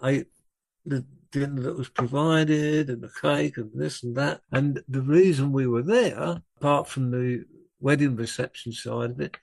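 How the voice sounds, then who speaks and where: Slow, gravelly older man. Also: mid-range voice, a little mellow. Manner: rambling, self-correcting anecdotes. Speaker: guest, rock drummer. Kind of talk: relaxed storytelling in conversation.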